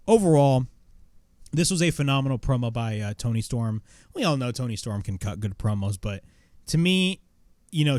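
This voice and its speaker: A man's voice: medium pitch, darkish tone, no echo. A man reviewing a wrestling show in casual commentary, blunt, opinionated and swearing freely.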